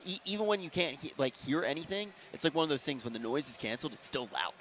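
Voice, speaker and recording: A young man commentating a live esports match with excitable energy and a slightly strained voice. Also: a little high, fast, a little hiss or hum. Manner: energetic, excitable, talks over co-host.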